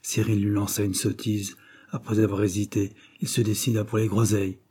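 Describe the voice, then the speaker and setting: A man reads the narration of a classic novel in an even, measured voice. His tone is mellow and low in brightness. There is a soft huskiness to it. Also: slightly rough. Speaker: audiobook reader.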